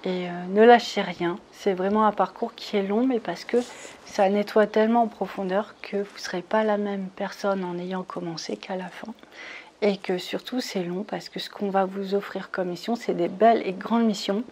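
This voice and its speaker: Leading retreat participants through a guided meditation, this woman keeps a steady tone and moderate pace in a mid-range, slightly mellow voice. She soothes and coaxes them one step at a time, frequently checking in, with a little noise in the background.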